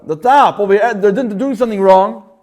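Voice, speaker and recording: A man teaching an informal Torah class in a synagogue, animated and often repeating words as he acts out stories. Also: high-pitched, brisk.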